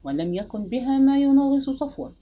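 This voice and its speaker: A woman's voice: sits high, lively intonation, a little fast, warm tone, pitched above the performer's own voice. A woman voicing an anxious young husband who pleads earnestly with his wife. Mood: pleading.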